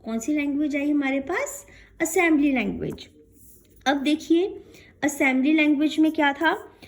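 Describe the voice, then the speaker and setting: Her voice is high-pitched and her pace moderate as she teaches programming in an explanatory lecture. She raises her own questions and then answers them, adds frequent check-in tags, and blends in English technical vocabulary.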